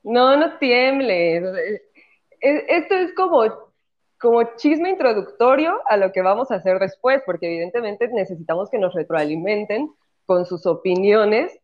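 A woman's voice: medium pitch, expressive, normal speed. A woman, chatting on a podcast from her living room at home, talking things through step by step. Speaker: podcast co-host. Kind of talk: casual chat. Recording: dull lo-fi audio.

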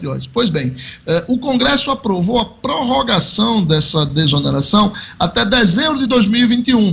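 A man's voice: sits high, creaky, fairly bright tone, breathy edge. A man, an economics commentator on radio, explaining the news conversationally with frequent check-ins.

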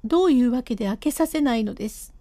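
A woman's voice: a little high, expressive, quick pace, mellow, no room sound, lightly acted. A woman voicing the stubborn, proud wife of a painter who insists on getting her way, in a storybook reading of a classic comic tale. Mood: insistent. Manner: insistent, rising and pleading.

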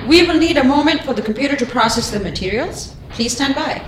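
A man's voice: very high voice, animated, a little fast. Man doing alien lizard envoy, formal then blunt, echoey far-off broadcast, noisy behind. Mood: solemn. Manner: formal proclamations that slip into casual slang. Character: lofty alien lizard emissary, disappointed and blunt. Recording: echoey, distant broadcast with loud background noise.

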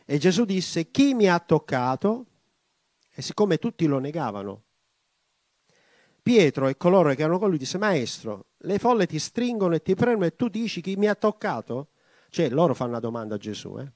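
A man with a high, bright voice preaching in church. He reads scripture with comments, then prays with mounting fervor. The sound is close and dry. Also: dry recording. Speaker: pastor. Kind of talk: sermon reading and prayer.

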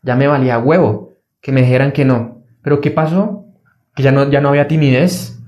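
The recording has its highs cut off, and the man's voice is a little mellow, with fairly even intonation at a normal speed. As a motivational speaker, he gives an earnest self-help talk, repeating key phrases and acting out a fearful inner voice in a higher pitch.

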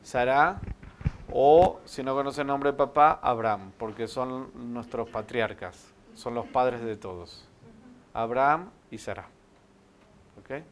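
A man's voice: mid-range voice, takes it slowly, slight background noise. A man teaching a spiritual meditation class, explaining step by step and often checking with the students.

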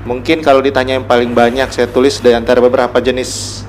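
With a flat delivery and a fast pace, a medium-pitched man with a Gorontalo Indonesian accent speaks as a writer guest on a podcast. In this casual interview he explains reflectively, groping for words, amid noticeable room noise and ambience.

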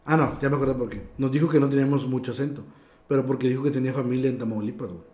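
A young man with a northern Mexican accent telling a story in casual, slang-heavy chat, often trailing off quietly at the ends of lines. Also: medium pitch, steady tone, rapid-fire. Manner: slangy, drops "güey" constantly, trails off quietly. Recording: echoey room.

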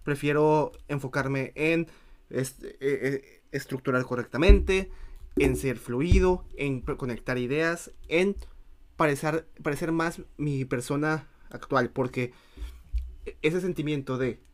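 A man co-hosting a podcast, talking casually and often stopping to restart and repeat himself. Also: a little high. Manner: halting, lots of restarts and repeats. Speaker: podcast co-host. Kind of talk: casual chat.

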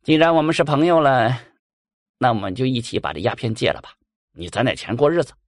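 A man's voice: medium pitch, lively intonation, fairly quick, dry recording, clean studio sound, lightly acted. Man doing a hearty old ghost. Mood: earnest. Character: mischievous male ghost, opium-loving old spirit.

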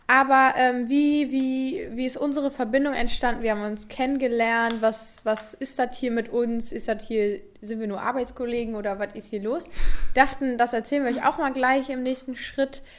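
Woman, early twenties, from Berlin, podcast co-host, casual chat, bubbly, teasing, fairly high voice. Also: steady tone, normal speed. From Berlin, Germany. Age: 20s. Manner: bubbly, teasing, laughs often.

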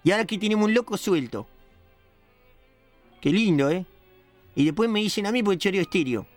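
A man's voice: high-pitched, lively intonation, fairly quick, faint music behind. A man playing a drunk, foul-mouthed old petty thief with an Argentine accent, rambling and hurling insults on a radio comedy show. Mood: boasting. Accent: Argentine Spanish. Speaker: comic character on a radio show.

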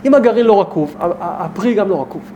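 A man teaching as a rabbi to a small group, talking in an animated, emphatic way with many rhetorical questions. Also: sits high, a little hiss or hum.

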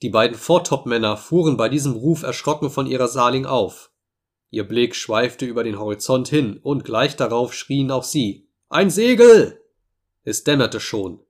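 A man narrating a classic novel as an audiobook, in a steady, measured storytelling voice. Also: medium pitch. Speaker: audiobook reader. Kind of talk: scripted narration.

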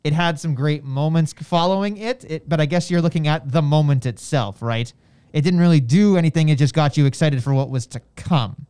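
A man's voice: on the high side, brisk, dark tone, smooth. A man co-hosting a podcast in a casual, conversational way, repeating phrases as he reasons things out. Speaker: podcast co-host. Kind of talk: casual discussion of wrestling.

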